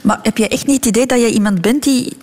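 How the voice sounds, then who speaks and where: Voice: mid-range voice, fast talker, darkish tone. An interviewer asking probing questions and prodding with tag questions.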